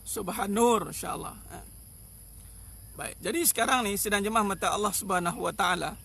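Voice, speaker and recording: Emphatic Malaysian preacher, high gravelly voice. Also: male voice, normal speed, sharp tone. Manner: emphatic, repetitive, rhetorical questions. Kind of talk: sermon. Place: outdoors in the sun.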